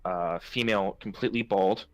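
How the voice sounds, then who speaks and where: A man's voice: deep voice, fairly even intonation, normal speed, low-quality recording. A man narrating as game master in a tabletop role-playing game, in a loose, rambling way.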